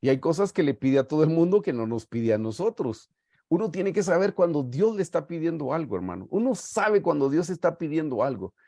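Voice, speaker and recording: A man's voice: fairly high pitch, big pitch swings, fairly quick, no room sound, clean studio sound. A middle-aged man, teaching a Bible study in an earnest preaching style over a video call and often calling his listeners "brothers". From Guatemala. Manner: earnest, warm pastoral storytelling, often saying "hermanos". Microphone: video call mic.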